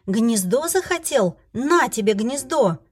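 A woman voicing a furious, indignant young heroine with a shrill, shouting delivery. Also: normal speed, lightly acted.

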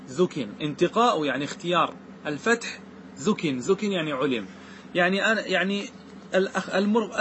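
A man teaching a grammar lesson, often asking his students questions and answering them himself, and reciting examples slowly. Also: fairly high pitch, a bit bright, slight background noise, poor audio.

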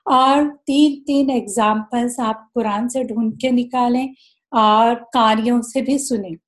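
A woman with a slightly high voice teaches Quran recitation rules in a recorded lesson. She explains patiently and stretches each recited example slowly. Now and then she mixes English words into her teaching. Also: steady tone.

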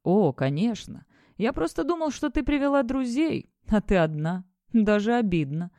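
A woman voicing a mocking, sadistic male kidnapper who taunts in a sing-song, drawn-out way. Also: a little high, big pitch swings, mellow, no room sound, pitched above the performer's own voice.

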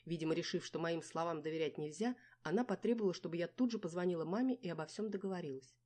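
Brief: woman audiobook narrator, somewhat low, warm tone, wry first-person reading. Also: quick pace.

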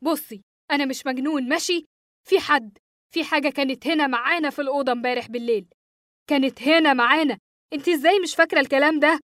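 A woman's voice: a little high, steady tone, racing, dry recording, clean studio sound, natural voice. A woman voicing a frightened, angry young husband in a horror story, with an Egyptian accent. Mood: agitated, insistent. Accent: Egyptian Arabic. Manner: shouting, shaky and desperate.

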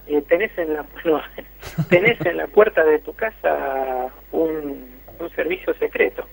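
Hesitant and prone to fillers and restarts, a man with an Argentine Spanish accent phones in a report for a radio interview. The line sounds tinny, and his gravelly, slightly high voice moves a little slowly.

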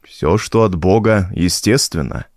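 A man voicing an old village priest, gentle but firm, speaking in a calm preaching tone. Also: deep voice, measured pace, no room sound, clean studio sound, voice pushed down. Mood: solemn.

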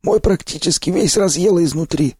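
Hoarse, blunt stalker leader, higher and pushier than the reader's own voice, warm dry sound, as a male narrator puts him on. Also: fairly quick, no echo. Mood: gruff. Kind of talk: audiobook character voice.

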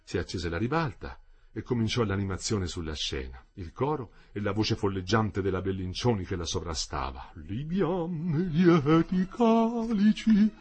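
A man narrating a literary novel in a measured, even reading. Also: deep voice, breathy edge, soft background music. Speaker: audiobook narrator.

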